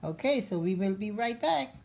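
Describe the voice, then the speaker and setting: A woman's voice: mid-range voice, normal speed, vocal fry. A woman hosting a home cooking show, talking casually through each step, her voice a little sick. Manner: relaxed, chatty, with fillers. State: slightly sick voice. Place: home kitchen. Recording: clattering kitchen noise behind. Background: pots, dishes and cutlery.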